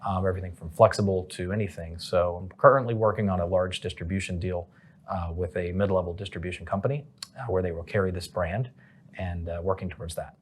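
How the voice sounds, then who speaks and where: A man's voice: deep voice, steady tone, fast talker, slight background noise. A man, a company president, answering interview questions in a casual, rambling way with many fillers.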